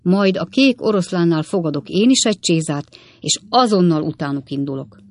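Woman reader doing a hot-headed old country host, loud and bossy, storybook voice. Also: on the low side, expressive, no room sound, clean studio sound. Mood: blustering. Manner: blustering, commanding.

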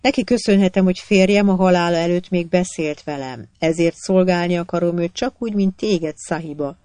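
Plain-spoken desert herdswoman as a narrator puts her on, calm, slightly raised pitch, dry sound. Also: no echo, lightly acted. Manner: plain-spoken, calmly superior. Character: humble desert peasant woman, calm and blunt. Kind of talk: audiobook character voice.

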